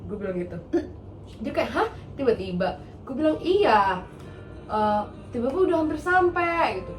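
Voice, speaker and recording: A woman, casually telling a story on a podcast, animated and acting out the quotes. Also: a little high, moderate pace, distant mic. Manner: animated, acts out quotes, laughs often. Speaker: podcast host. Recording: roomy, off-mic, music behind.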